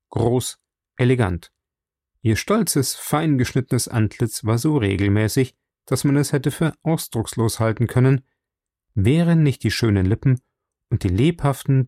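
A man narrating a story in measured first-person storytelling. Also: medium pitch, vocal fry, dark tone, no room sound, clean studio sound. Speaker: audiobook narrator.

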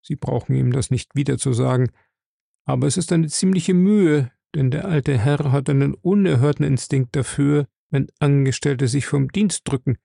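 A man voicing a stout, composed office manager in an audiobook, measured and confiding. His voice is dark and a little gravelly, recorded close and dry. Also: mid-range voice, no room sound. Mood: calm. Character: calm, stout middle-aged office manager.

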